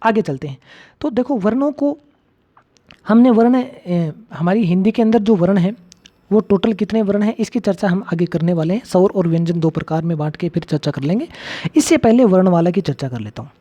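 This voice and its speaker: A man's voice: sits high, animated, fairly quick, warm tone. A man teaching a grammar lecture for exam students. He keeps asking the class questions and repeating his key points. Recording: slightly dull lo-fi audio.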